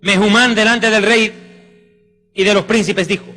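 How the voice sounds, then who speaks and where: Fervent high-voiced preacher in a hall. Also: male voice, steady tone, measured pace, bright, forceful tone. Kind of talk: sermon. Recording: reverberant hall with faint music.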